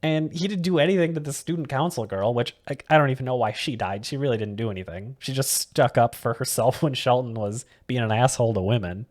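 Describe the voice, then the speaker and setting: A man in relaxed podcast banter, summing up a film scene by scene. He keeps breaking into giggles in the middle of his sentences. He sounds loose and amused throughout. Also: medium pitch, fast talker, hardly any pauses. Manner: giggly, laughs often mid-sentence. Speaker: podcast co-host. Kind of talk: casual movie-review chat.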